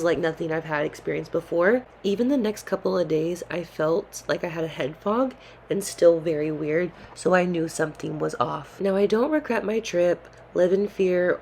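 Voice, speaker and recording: A young adult woman vlogger telling a personal story in a calm, earnest way, with casual slang. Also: on the low side, vocal fry, a little hiss or hum. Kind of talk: storytime narration.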